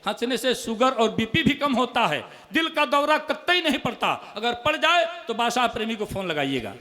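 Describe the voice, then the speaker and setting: A man with a Bhojpuri accent performing as a comic poet on stage, joking with the crowd and reciting his verses slowly. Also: very high-pitched, big pitch swings, pushed and bright, big-room sound. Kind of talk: humorous stage poetry recital.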